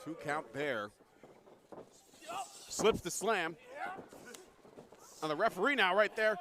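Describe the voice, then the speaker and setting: A man giving excited live play-by-play commentary on wrestling, often exasperated and argumentative. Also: high voice, takes it slowly, background noise. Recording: loud music behind the voice.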